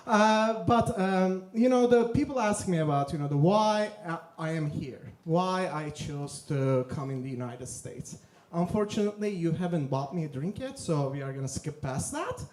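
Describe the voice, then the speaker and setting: A stand-up comedian from Turkey with a Turkish accent, telling deadpan jokes in a halting way with many fillers on a theater stage. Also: male voice, a little high. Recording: echoey theater room.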